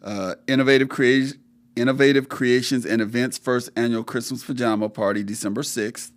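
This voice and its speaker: Measured male podcast host. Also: mid-range voice, fairly even intonation. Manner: measured, reads through a list with many fillers. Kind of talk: casual interview.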